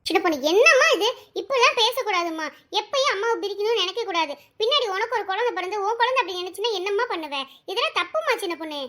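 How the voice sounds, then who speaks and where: A woman voicing a motherly neighbour who soothes and gently scolds a quarrelling family. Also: very high voice, lively intonation, quick pace, hardly any pauses, heavily acted. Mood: coaxing.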